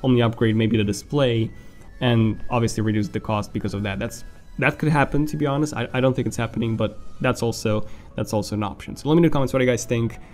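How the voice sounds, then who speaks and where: Tech host, man, average pitch, conversational and rambling with "uh"s, voice a bit worn and hoarse. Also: quick pace, a little mellow, faint music behind. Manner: conversational, thinking aloud with fillers and restarts. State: voice going hoarse. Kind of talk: casual tech commentary to camera.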